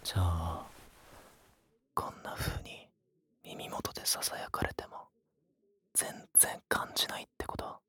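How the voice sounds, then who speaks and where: A man doing a cocky, teasing young man, low husky whisper. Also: a little slow, long pauses, a little mellow, exaggerated voice. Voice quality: husky whisper close to the ear. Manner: taunting, smug, crude. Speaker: voice actor. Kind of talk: whispered ASMR audio drama.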